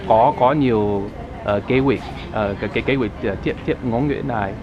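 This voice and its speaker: An American man chatting casually with strangers in halting, broken learner Vietnamese, with English as his first language. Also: medium pitch, a crowd in the background. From United States. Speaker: vlogger practising languages with strangers. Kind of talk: casual street chat. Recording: muffled, noisy outdoor traffic ambience.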